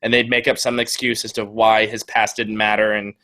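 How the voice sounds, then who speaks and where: A man's voice: fairly low pitch, level tone, brisk, bright, forceful tone. A man co-hosting a casual political podcast, chatty and telling stories with acted-out quotes. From California. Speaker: podcast co-host.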